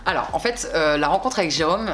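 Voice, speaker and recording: A young French singer in her twenties, from Bordeaux, chats casually in an interview, relaxed and slangy, rambling with frequent little asides. Her voice is low and quick. There's slight background noise.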